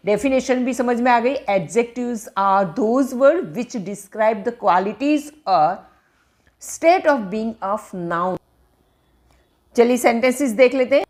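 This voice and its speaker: A woman's voice: on the high side, a little mellow. A woman teaching English grammar in Hindi, explaining each term and checking understanding with repeated questions. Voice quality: slow, careful reading of English example sentences. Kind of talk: grammar lesson.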